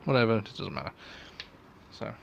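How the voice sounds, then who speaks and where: Low-voiced man, rambling offhand review. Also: lively intonation, normal speed, vocal fry, lo-fi sound, a little hiss or hum. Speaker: collector and reseller reviewing gas masks. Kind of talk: casual unscripted product review.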